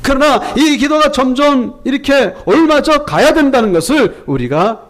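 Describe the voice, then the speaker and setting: A man's voice: extremely high pitch, expressive, normal speed. A man preaching a sermon as pastor in a church, asking the congregation rhetorical questions and acting out quoted voices in his stories. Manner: acts out quoted voices in retelling. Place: church sanctuary. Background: congregation answering amen.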